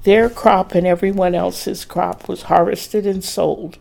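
Casting: male narrator for a romance audiobook, slow, gravelly, measured. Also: high voice, steady tone, a little mellow. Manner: measured, plain storytelling. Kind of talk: scripted narration of a romance story.

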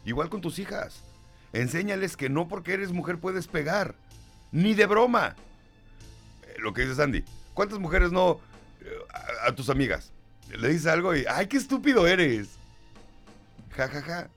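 A man's voice: a little high, animated, moderate pace, vocal fry, pauses often, a bit bright, soft background music. A middle-aged man with a Mexican Spanish accent co-hosting a talk show, reading listener comments aloud and answering them emphatically. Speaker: radio show host.

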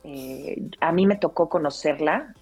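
A Mexican-accented radio announcer, speaking low, a little slowly and slightly rough, tells a childhood story in a casual interview. Her telling is lively and anecdotal, packed with tag questions like "o sea" and "¿no?". Soft music plays in the background.

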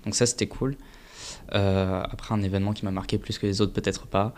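A young man from Paris, a student guest, chatting casually on student radio, relaxed and hesitant with many fillers. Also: on the low side, fairly quick, a little hiss or hum. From Paris, France. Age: young adult.

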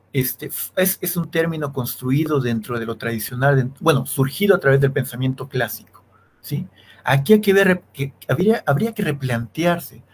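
A man's voice: mid-range voice, slight background noise. A man, a law lecturer answering interview questions, checking in with a constant questioning "sí" and stumbling over restarts. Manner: keeps checking in with a questioning "sí", many restarts and fillers. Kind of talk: academic explanation in an interview.

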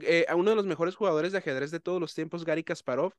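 A man's voice: a little high, very fast, no room sound. A man hosting a casual conversation, thoughtful and careful as he explains ideas. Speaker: host.

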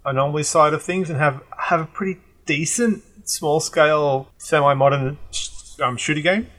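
A man's voice: fairly high pitch, moderate pace, a bit bright. A man co-hosting a casual tabletop game podcast, joking and sarcastic. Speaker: podcast co-host.

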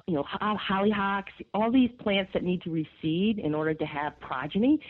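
A woman from upstate New York with a gravelly voice, chatting enthusiastically as a garden expert guest in a radio interview, with lots of fillers. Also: lowish voice. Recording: tinny phone line.

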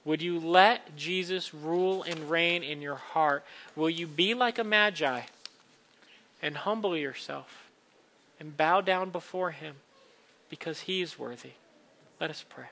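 A man's voice: on the high side, measured pace, sharp tone. A man speaking as a pastor in a church sermon and communion liturgy, earnest and kindly, building his point through short repeated phrases. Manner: rhetorical repetition in short phrases.

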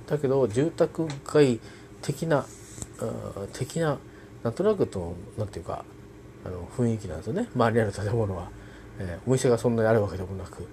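A man talking alone in a casual spoken diary, rambling politely with many fillers and restarts and trailing off softly at the ends of phrases. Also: medium pitch, a little hiss or hum. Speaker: solo podcast host.

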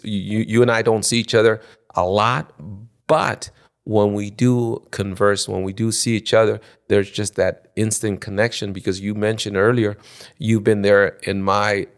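A man in his sixties from Ecuador, a podcast guest talking off the cuff in halting, restarting phrases. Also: lowish voice, little pitch movement, vocal fry. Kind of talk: spontaneous conversation.

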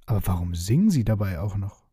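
A man's voice: lowish voice, sing-song, quick pace, mellow, slightly rough, dry recording, clean studio sound, exaggerated voice. A man doing a bumbling old storybook dragon. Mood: puzzled. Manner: grumbling, wondering aloud. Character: old bumbling male dragon, easily frightened.

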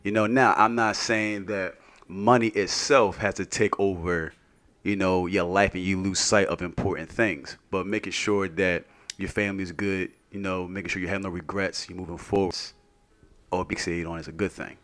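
A man's voice: deep voice, fairly even intonation, moderate pace, a bit bright. A man co-hosting a casual podcast, talking in an earnest, reflective way and often checking in with "you know what I mean". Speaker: podcast co-host.

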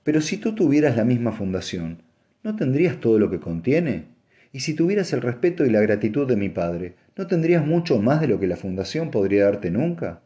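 A man's voice: big pitch swings, fairly quick, warm tone, muffled recording, lightly acted. A man reading an audiobook and voicing a haughty, scheming noblewoman with a cold, cutting manner. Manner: cutting, mocking, rising to shrill insistence.

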